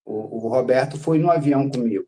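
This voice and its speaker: A man's voice: medium pitch, fairly quick, mellow, a little hiss or hum. Rambling Brazilian man telling his story. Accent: Brazilian Portuguese. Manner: rambling, repeats filler words. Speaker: podcast guest, patient. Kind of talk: casual storytelling interview.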